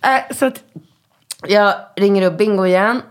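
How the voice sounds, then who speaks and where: A woman in her thirties telling a lively, profanity-laced story in casual chat, acting out the voices of the people in it. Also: mid-range voice. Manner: animated anecdote telling, acting out quotes; swears often.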